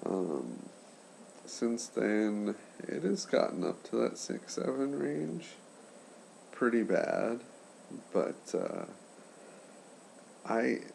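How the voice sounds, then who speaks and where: Guy late 20s, super creaky voice, stuffed up, talking quiet and slow in a casual vlog. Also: fairly low pitch, big pitch swings, a little hiss or hum, low-quality recording. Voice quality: congested, impaired articulation after throat and nose surgery. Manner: subdued, keeping voice down for a sleeper; halting, trailing pauses. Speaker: patient sharing surgery recovery.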